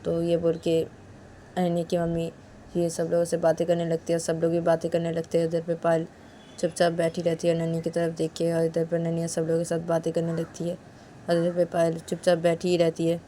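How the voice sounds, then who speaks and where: A woman's voice: on the low side, monotone, a little fast, mellow, a little hiss or hum. A woman narrating a romance story in a casual, plain, repetitive spoken style.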